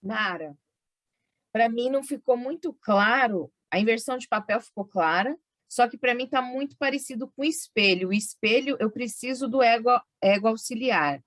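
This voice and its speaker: A woman's voice: a little high, moderate pace, fairly bright tone, no room sound. A Brazilian woman student questioning a lecturer in a study group. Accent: Brazilian Portuguese. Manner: short acknowledgments, questioning.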